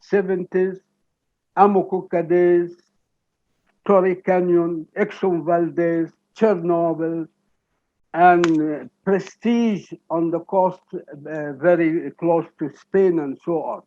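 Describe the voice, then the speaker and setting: A man with an Egyptian Arabic accent giving an academic lecture, explaining deliberately and checking in with "okay?". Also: on the high side, fairly even intonation, phone-quality sound.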